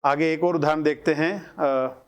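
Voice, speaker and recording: A man teaching grammar in a lecture, breaking words into single sounds and repeating them deliberately. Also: fairly high pitch, steady tone, clear, resonant tone. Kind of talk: classroom lecture explaining at a board.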